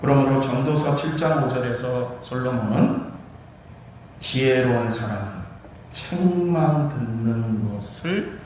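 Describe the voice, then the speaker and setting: A man with a high-pitched voice delivers a sermon, rising sharply and slowing down on stressed words. His voice booms around a very echoey church hall with a long reverb tail. A faint hiss of noise sits under it. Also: fairly bright tone. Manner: emphatic preaching with sudden rises and slowed stresses. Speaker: pastor. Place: church sanctuary.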